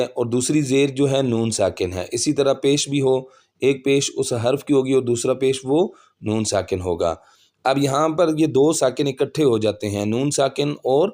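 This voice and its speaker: A man teaching Quran recitation in an even, mid-pitched voice. He spells out each syllable very slowly and deliberately, drawing the sounds out, then shifts to a quicker, plainer explaining tone. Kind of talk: slow spelled-out recitation lesson.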